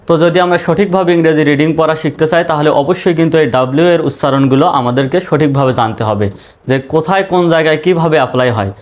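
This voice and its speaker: Male teacher with a fairly high voice, talking through spellings step by step. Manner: spells words letter by letter, asks and answers his own questions. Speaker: English reading teacher.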